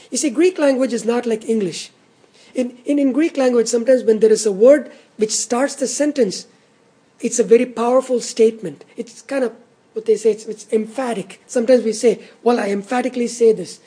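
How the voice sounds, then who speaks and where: Husky-voiced preacher, earnest and emphatic. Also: medium pitch, mellow. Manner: repeats key words for emphasis; earnest, teacherly explaining. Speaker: pastor. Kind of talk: expository sermon.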